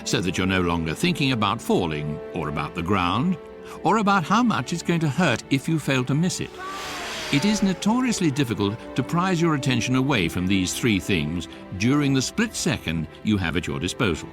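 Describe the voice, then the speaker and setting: Over music, a male actor of medium pitch lightly voices a wry electronic guidebook narrating a comic sci-fi radio drama. His delivery is measured and deadpan, with a wry, instructive mood.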